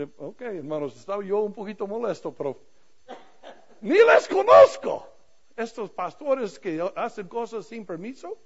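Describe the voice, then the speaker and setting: Gravelly high-voiced older man preaching. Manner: storytelling with self-deprecating humor, swinging from soft to loud. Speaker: pastor. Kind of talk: sermon. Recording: dull lo-fi recording.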